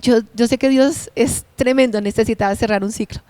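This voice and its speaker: Middle-aged woman pastor, heartfelt testimony, slightly high voice, dry close sound. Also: steady tone, fairly quick, warm tone, no room sound. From Bogotá, Colombia. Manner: heartfelt, earnest and emotional. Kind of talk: personal testimony.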